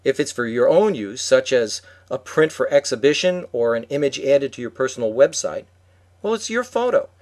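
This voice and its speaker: A man's voice: mid-range voice, sing-song, moderate pace, a little mellow. A man co-hosting a podcast, reading a prepared script in an instructive way. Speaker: podcast co-host.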